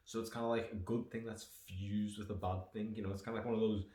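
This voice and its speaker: A man's voice: fairly low pitch, flat delivery, fast, warm tone. A British man giving a casual, rambling snack review in a sarcastic, sweary, digressive way. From United Kingdom. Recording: echoey room with faint noise.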